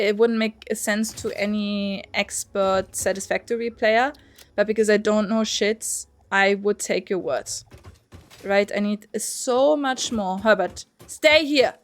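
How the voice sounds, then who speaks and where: A woman's voice: medium pitch, steady tone, measured pace, clear, resonant tone. A young woman streaming a game, rambling and swearing freely as she chats with her viewers. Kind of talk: casual gameplay commentary. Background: faint music.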